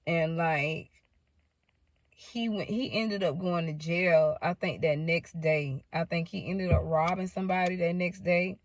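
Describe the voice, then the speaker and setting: A woman's voice: lowish voice, measured pace, dry recording. A woman telling a personal story to her viewers in a casual, candid way, swearing freely and speaking straight to them. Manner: candid, profane, addresses viewers directly. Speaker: storytime vlogger.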